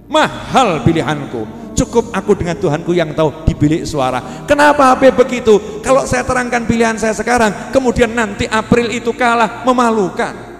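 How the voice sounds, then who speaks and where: A man's voice: very high-pitched, lively intonation, normal speed. Javanese-accented man preaching in an echoey hall. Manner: folksy and humorous, mixing in Javanese words. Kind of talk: sermon.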